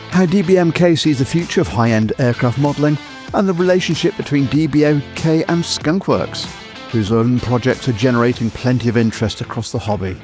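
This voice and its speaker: A man's voice: mid-range voice, a little mellow. A man hosting a hobby podcast in an upbeat, chatty way. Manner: chatty and enthusiastic. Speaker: podcast host.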